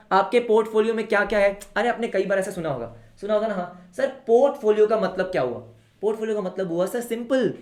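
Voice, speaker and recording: A young man teaching a live online commerce class in Hinglish, who keeps asking the students rhetorical questions and calls them beta. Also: sits high. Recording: echoey room.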